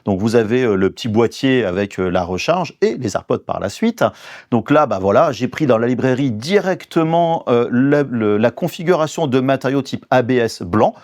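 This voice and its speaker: A middle-aged man from France talks through a product review in a relaxed, chatty way. He fills his sentences with little fillers and repeats words as he goes. His voice sits at an ordinary pitch and is recorded dry and close. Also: moderate pace, no echo. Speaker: maker reviewing a laser engraver. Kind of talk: casual product review voice-over.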